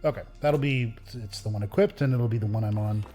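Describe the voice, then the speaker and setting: A man's voice: lowish voice, quick pace, warm tone, faint music behind. A man co-hosting a casual video game let's-play, rambling through stories and laughing often. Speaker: gaming channel co-host.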